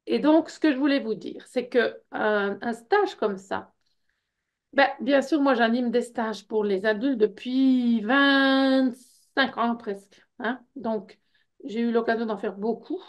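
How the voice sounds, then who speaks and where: Middle-aged french therapist lady, kinda high voice, gravelly, lots of euh and hein. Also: slow. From France. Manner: warm reassuring, many fillers like hein and euh. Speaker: psychotherapist and workshop leader. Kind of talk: casual info session talk.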